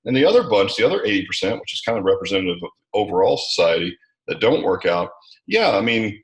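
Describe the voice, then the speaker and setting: A middle-aged American man with a deep voice answers questions in an interview. He talks at length in an informal, conversational way, sprinkling in small check-in phrases. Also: big pitch swings, fast talker, rough recording. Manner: talkative, informal, peppered with 'right' and 'you know'. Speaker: interview guest, gym franchise founder.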